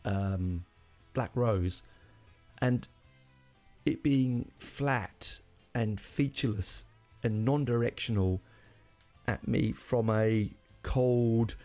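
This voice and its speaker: A man's voice: mid-range voice, mellow. A middle-aged man hosting a podcast, talking alone in a rambling, opinionated way and often correcting himself mid-sentence. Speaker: podcast host. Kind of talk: casual solo monologue.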